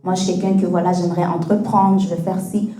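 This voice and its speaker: A woman with a fairly low, mellow voice speaks quickly and evenly as she hosts a relaxed faith-based chat. She's frank and full of opinions, dropping English phrases into her speech. The room is echoey, with faint music in the background.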